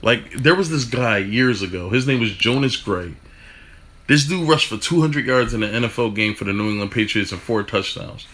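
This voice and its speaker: A man talking fast in a casual football rant, stumbling over restarts and swearing casually. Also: mid-range voice, lively intonation, a bit bright. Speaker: football fan commentator.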